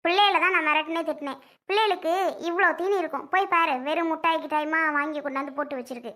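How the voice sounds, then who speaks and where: A woman voicing a sharp-tongued young mother who defends herself in a family skit. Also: sits high, quick pace. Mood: defensive. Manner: defensive and complaining.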